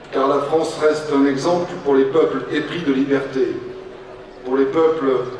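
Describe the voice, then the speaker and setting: A man giving a solemn, declamatory rally-style ceremonial speech as a public official, in short measured phrases. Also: a little high, a little mellow, slight background noise. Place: public commemoration ceremony with audience. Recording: echoey public address, distant mic, crowd.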